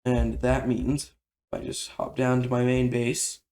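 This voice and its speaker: A man talks through a game tutorial in a relaxed, conversational voice-over. His mid-pitched voice has a gravelly, creaky edge. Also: measured pace.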